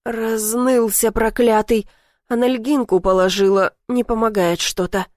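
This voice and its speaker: A woman voicing a tired, gentle middle-aged mother who answers softly and evasively. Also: a little high, fairly even intonation, a little slow, no room sound, studio quality, close to an everyday voice. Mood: weary. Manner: soft, pleading, evasive.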